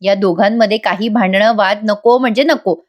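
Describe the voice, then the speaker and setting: A woman voicing a playful, pushy young wife in a serial recap, scolding and excited. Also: medium pitch, moderate pace, natural voice. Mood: eager.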